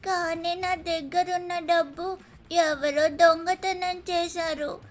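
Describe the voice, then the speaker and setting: A woman voicing a small, timid young female sparrow chick in a cartoon story, speaking slowly in a high, pleading voice. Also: flat delivery, soft background music. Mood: tearful.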